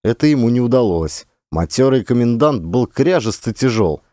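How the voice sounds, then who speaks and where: A man reading an adventure audiobook in an expressive, dramatic narration. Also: mid-range voice, normal speed, no echo, clean studio sound. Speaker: audiobook reader.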